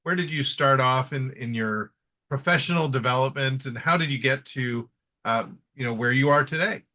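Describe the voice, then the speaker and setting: Man, webinar host, casual live chat, bright tone, filler-heavy. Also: mid-range voice, moderate pace. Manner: friendly, filler-heavy with restarts.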